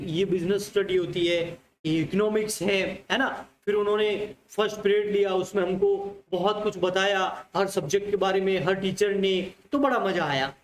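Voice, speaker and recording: A man's voice: high voice, slight background noise. A male teacher giving an online commerce lecture, repeating points and asking his students questions, calling them dear children. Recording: echoey room, faint ambience.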